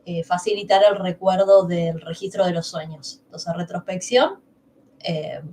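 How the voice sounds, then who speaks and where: A woman's voice: lowish voice, unhurried, dark tone, a little hiss or hum. A young woman with a Rioplatense Spanish accent co-hosting a livestream workshop, explaining in a chatty, self-interrupting way. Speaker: workshop co-host. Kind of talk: casual teaching on a livestream.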